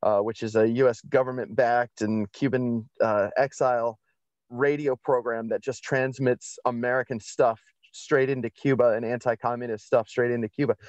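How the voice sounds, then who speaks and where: As a guest on a podcast, this man speaks in a medium, somewhat mellow voice, telling stories with emphasis and frequent self-corrections in a conversational interview. There's no room sound, though the audio is slightly dull and lo-fi.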